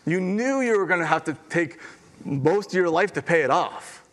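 A man preaching a sermon, telling a parable in a conversational, animated way and acting out the quotes. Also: sits high. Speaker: pastor.

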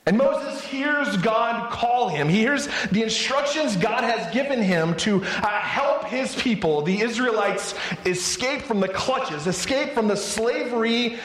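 Male pastor, sermon, high voice, earnest, stammering restarts, echoey church room. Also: animated, unhurried, few pauses, a bit bright.

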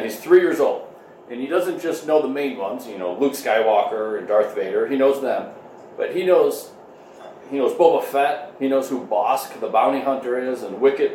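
A man in his thirties, a pastor giving a conversational sermon and prayer streamed online from home, pausing often with "uh". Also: medium pitch, darkish tone, recorded from a distance, slight background noise. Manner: conversational, full of "uh" fillers. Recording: echoey room.

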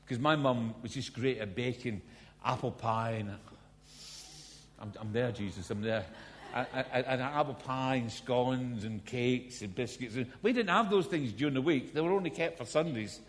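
A man's voice: medium pitch, moderate pace. A Scottish man in his fifties preaching a sermon, telling stories with self-mocking humour. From Scotland. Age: 50s. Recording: long hall reverb.

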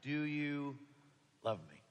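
A man playing a calm, risen Jesus who asks short, measured questions in a comic stage skit. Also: fairly high pitch, long reverb tail, a little hiss or hum.

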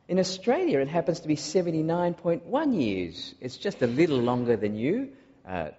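Malaysian-born guy giving a sermon, kinda husky, lots of uhs, dull recording with long hall echo. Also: mid-range voice, a little mellow. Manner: earnest, with frequent filler uhs. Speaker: preacher. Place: large church hall.

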